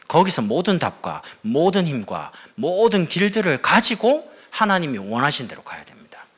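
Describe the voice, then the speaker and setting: A man from the Gyeongsang region preaching a sermon as pastor, in a playful, lively way. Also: medium pitch, breathy edge. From Gyeongsang region, South Korea.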